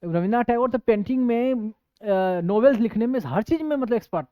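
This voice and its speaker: High-voiced chatty male lecturer, dull lo-fi sound. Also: lively intonation, a little fast, clear, resonant tone, dry recording. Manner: chatty, digressive, mixes in English terms. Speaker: exam coaching teacher. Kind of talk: casual classroom lecture. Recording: dull lo-fi dry recording.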